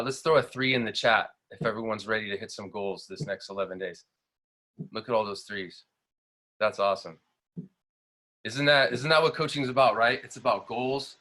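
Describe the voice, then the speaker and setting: Young guy coach on a video call, bright punchy voice, pumped up, lots of um and you know. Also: medium pitch. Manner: upbeat, energetic, many fillers and restarts. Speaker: health coach trainer. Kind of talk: motivational training talk on a live online call.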